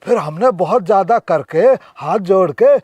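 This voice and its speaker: A man's voice: high-pitched, expressive, moderate pace, a little mellow, breathy edge, no echo. A young man playing a sly village con man who sweet-talks his girlfriend in a comedy sketch. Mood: sweet-talking. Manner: sweet-talking, calls himself "we". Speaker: comic actor in a village sketch. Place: outdoors in a village.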